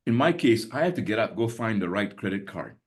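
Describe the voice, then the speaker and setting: With a rather low voice and rapid-fire speech, a man in his sixties who grew up in Singapore leads a casual live webinar on a video call. The business mentor is chatty, using many fillers and small chuckles between points.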